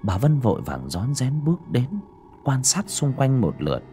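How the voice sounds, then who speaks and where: A man narrating a ghost story in a dramatic, lively storytelling manner. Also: medium pitch, normal speed, soft background music.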